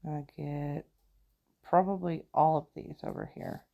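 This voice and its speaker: Playing a game, a middle-aged gamer with a Southern US country accent giggles and chats to herself in casual commentary. Her voice sits low with fairly even intonation, an unhurried pace, and vocal fry, in lo-fi sound.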